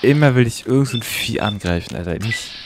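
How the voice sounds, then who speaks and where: A man's voice: mid-range voice, animated, fast, heavy background noise. A young man giving casual, slangy let's-play commentary and swearing at the game. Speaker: gaming YouTuber.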